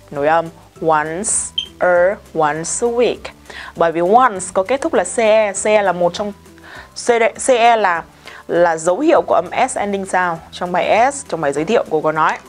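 A woman English teacher with a Vietnamese accent, modelling words and example sentences slowly, then chatting quickly in asides. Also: mid-range voice. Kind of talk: vocabulary pronunciation lesson.

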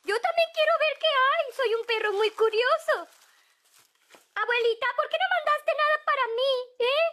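A woman voicing a curious, pleading male pet dog in a squeaky, childlike voice for a home vlog. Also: normal speed, sharp tone. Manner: whiny, cheeky asking.

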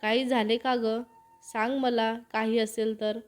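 Woman narrating a romantic story over soft music. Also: a little high, little pitch movement, a little slow. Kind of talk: narrating a romantic story and reading every part. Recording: faint music behind.

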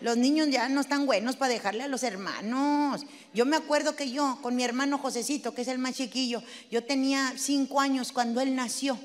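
Brash high-voiced Mexican comedienne. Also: female voice, steady tone, fairly quick, hardly any pauses. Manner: brash, crude storytelling. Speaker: stand-up comedian. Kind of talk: stand-up comedy routine. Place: stage before a live audience. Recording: live venue with long reverb, faint noise.

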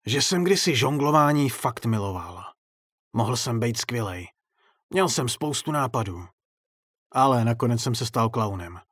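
A man voicing a menacing, theatrical male circus clown in a story read aloud, with a husky, mocking showman's sing-song. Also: mid-range voice, expressive, no echo, clean studio sound. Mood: bitter.

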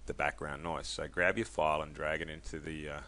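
A man casually walking viewers through a software tutorial, chatty and loose, with many ums and self-corrections. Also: rumbling low, level tone, a little fast. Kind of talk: casual screen-recorded tutorial.

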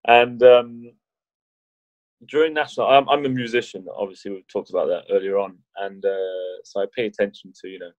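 A man with a low voice tells stories in a loose, joking way, often restarting his sentences. The recording sounds muffled and dull, and it is very dry. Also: flat delivery, brisk, no echo. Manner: rambling, many restarts, jokey. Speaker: wheelchair rugby league player, podcast guest. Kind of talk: casual chat.

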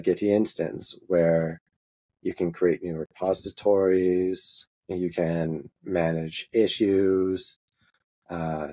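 A man, an open source maintainer, walking through a software demo in an interview, halting and easygoing, with many filler sounds. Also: low voice, breathy edge.

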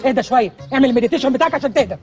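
A man's voice: very high voice, expressive, rapid-fire, soft background music. An actor with an Egyptian accent playing a hot-headed man ranting about a grudge. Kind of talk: comedy series acting.

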